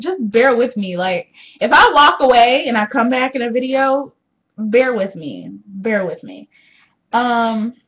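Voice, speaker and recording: An eighteen-year-old woman talking candidly and rambling to a webcam at home in a casual diary vlog, swearing freely. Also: fairly high pitch. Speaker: vlogger. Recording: slightly dull webcam audio.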